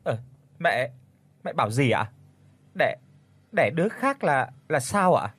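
A man voicing a frightened young pregnant wife in an audio storybook, with a trembling, tearful, pleading manner and a husky tone. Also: mid-range voice, very animated, slow pace, fairly bright tone, exaggerated voice.

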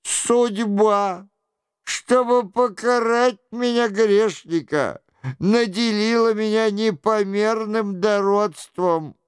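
A man voicing a fat, cowardly monk who wails and pleads in a drawn-out, lamenting way. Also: high voice, clear, resonant tone, no room sound, clean studio sound, voice pushed up. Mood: wailing.

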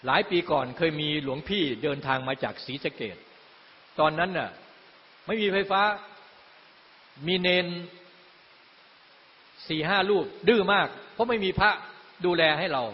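High-voiced man preaching in an echoing hall. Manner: conversational preaching with repeated tag questions. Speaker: dharma teacher. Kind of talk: dharma talk to retreat participants. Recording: dull lo-fi sound in a long-reverb hall.

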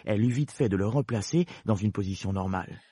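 A man narrating a storybook in a measured, storytelling manner. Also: lowish voice, mellow, breathy edge, no room sound, clean studio sound.

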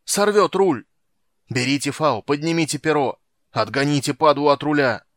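A man voicing a panicked male ship captain who shouts frantic orders. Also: on the high side, moderate pace, no echo, clean studio sound, pitched above the performer's own voice, natural voice.

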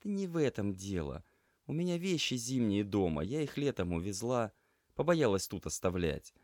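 A man reading an audiobook, voicing a grumpy young female student activist who grumbles in a raised but quiet voice. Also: on the low side, very animated, normal speed, no echo, studio quality, voice pushed up. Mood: grumbling. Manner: grumbling, sulky.

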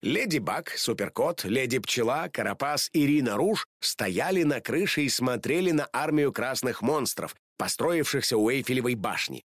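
Man, storybook narration, animated lively pitch, dry close-miked sound. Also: moderate pace, hardly any pauses, no echo. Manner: animated, expressive. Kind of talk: storybook read-aloud.

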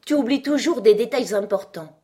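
A woman reading an audiobook, voicing a muddled, fussy queen who rambles in gentle, dithering explanations. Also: a little high, expressive, normal speed, slightly rough, voice pushed up.

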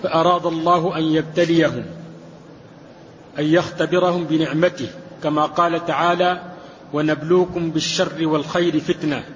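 A man reading a classical commentary aloud to a teacher in a lesson, in a steady, measured recitation. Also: on the high side, slight background noise. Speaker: student reading the text aloud. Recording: dull recording with long hall reverb.

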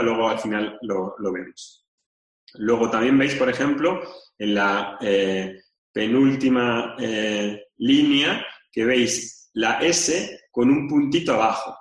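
A man, lecturing a class in a halting way with many fillers and self-corrections, chanting Sanskrit words slowly. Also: mid-range voice, fairly bright tone, echoey room. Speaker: teacher.

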